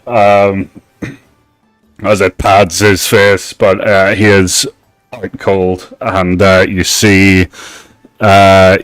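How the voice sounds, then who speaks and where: A man running a tabletop game as game master, narrating with lots of fillers and halting restarts. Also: deep voice, flat delivery, a bit bright, clear, resonant tone, no echo, soft background music, rough recording. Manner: halting, filler-heavy, laughs easily.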